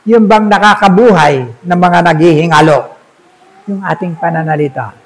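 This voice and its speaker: High-voiced preaching pastor. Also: male voice, moderate pace, low-quality recording. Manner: storytelling, often asks "see?". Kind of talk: sermon.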